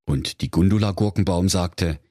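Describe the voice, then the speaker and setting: A man's voice: sits low, normal speed, dark tone, no echo, clean studio sound. A middle-aged man with a Saxon accent narrating a comic fairy tale playfully for children. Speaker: storyteller.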